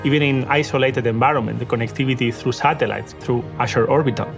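A man's voice: medium pitch, fairly even intonation, quick pace, gravelly. A man executive making earnest, confident statements in a corporate promo interview. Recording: promo video with music bed.

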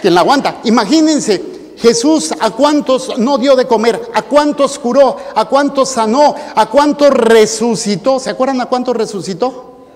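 A Mexican priest preaching a lively, joking homily full of acted quotes. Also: male voice, very high voice, normal speed, in a large hall. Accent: Mexican Spanish. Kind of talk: sermon.

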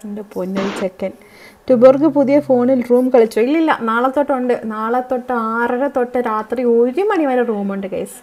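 A woman's voice: on the high side, normal speed, a little mellow. A young woman, chatting and teasing as she streams a game for her viewers. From Kerala. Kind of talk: live gameplay stream chat.

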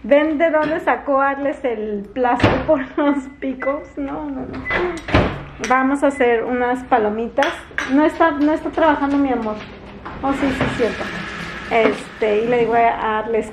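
A woman's voice: high voice, measured pace, background noise. A woman from Mexico chatting casually in a family vlog at home, mixing Spanish with English words. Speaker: vlogger. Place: home at night.

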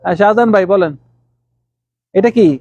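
A man teaching Arabic letters to a class, calling on students by name and repeating letter sounds slowly. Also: high-pitched, darkish tone, no echo, dull audio.

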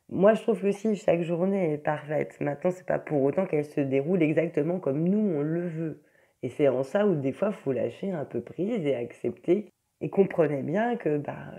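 Woman tarot reader, gravelly, husky, chatty with fillers. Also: lowish voice, warm tone. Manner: chatty, many fillers and asides. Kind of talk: casual tarot reading to camera.

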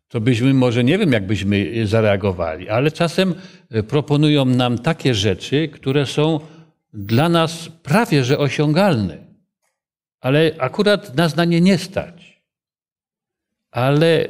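A man with an ordinary mid-pitched voice leads a small Bible study group. He speaks conversationally, asks the group questions and tells stories from his own life.

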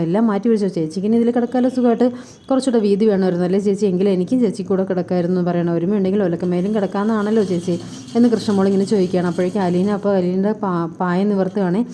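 Fast-talking woman retelling a serial. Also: mid-range voice, dark tone, a little hiss or hum. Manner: chatty, keeps adding a tag word at line ends, acts out the dialogue lightly. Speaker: serial review vlogger. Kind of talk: casual retelling of a TV serial episode.

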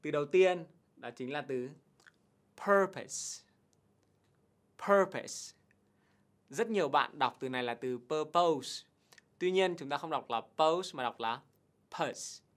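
A male teacher talks through test answers in a patient, clear way. He pauses to repeat English words slowly and with heavy stress so learners can copy them, in a voice of middle pitch. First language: Vietnamese. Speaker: TOEIC teacher. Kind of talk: televised English lesson, explaining answers and modeling pronunciation.

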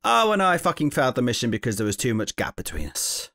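Sarcastic male game commentator, young, very lively intonation, exasperated, light music bed. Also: mid-range voice, quick pace. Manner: sardonic, exasperated, sweary. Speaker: video game reviewer.

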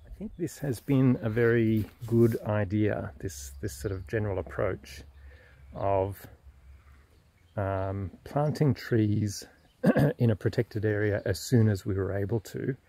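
A middle-aged man with an Australian accent talks through his vlog outdoors in an orchard garden. His voice sits low and carries a gravelly edge. He speaks in a measured, thoughtful way, with plenty of ums and restarts. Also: dark tone. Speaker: smallholder vlogger. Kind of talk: casual explanatory vlog.

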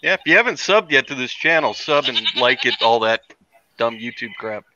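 A man hosting a live-stream show who talks in a casual, deadpan way and keeps joking. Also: medium pitch, brisk, muffled recording, heavy background noise. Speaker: show host.

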